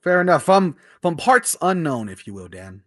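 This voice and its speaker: A man's voice: on the high side, big pitch swings, normal speed, dry recording, studio quality. A man co-hosting a radio show, chatting casually about sport.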